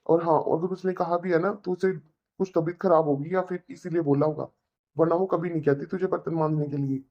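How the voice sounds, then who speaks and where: A performer voicing an elder brother in a cartoon, calmly scolding and lecturing with a Hindi accent. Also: mid-range voice, fairly quick, lo-fi sound, natural voice. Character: reasonable elder brother, young married man. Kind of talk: cartoon voice acting.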